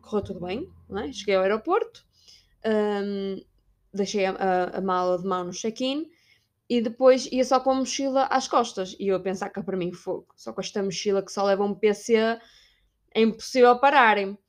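A young woman with a European Portuguese accent, chatting casually about a trip and imitating people along the way. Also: normal speed. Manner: chatty, animated, imitates shouting staff in high voice. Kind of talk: casual storytelling vlog.

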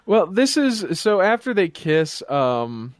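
Deadpan man in casual chat. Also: high voice, slow, dry recording. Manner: dry, deadpan humor.

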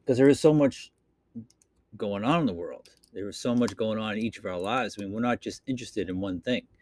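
A podcast host from Boston, Massachusetts, with a Boston accent, rambles through an unscripted solo monologue into a computer microphone, full of fillers and restarts. His voice is on the low side, brisk and a little mellow, and the recording is dry.

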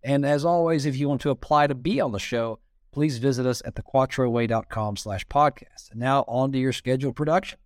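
A man's voice: mid-range voice, fairly quick, dry recording, clean studio sound. Chatty Southern man hosting a podcast. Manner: chatty, loose, many "you know" fillers. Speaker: podcast host. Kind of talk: casual interview chat.

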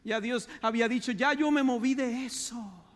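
A man's voice, very high and bright, preaches a fervent sermon. He calls his listeners brother and drops English words into his delivery. Long reverb trails behind him, as in a church hall. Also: moderate pace. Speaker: pastor.

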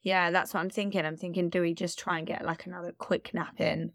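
A woman's voice: fairly low pitch, little pitch movement, a little fast, vocal fry, no room sound. Brief: woman co-host with a stuffy nose, giggly and chatty, dry close mic. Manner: chatty, giggly, self-deprecating. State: bunged-up nose. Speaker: podcast co-host. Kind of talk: casual chat.

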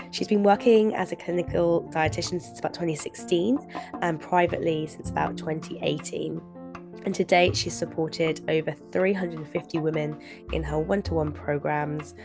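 A woman with a congested, stuffy nose from being sick, introducing a podcast as its host. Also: low-pitched. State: sick with covid, bunged up.

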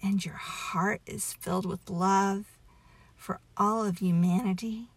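A woman softly leading a guided meditation story in a hushed, soothing half-whisper, intimate as if right by your ear. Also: mid-range voice, steady tone, no echo. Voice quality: soft, breathy, half-whispered. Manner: gentle, drawn-out delivery.

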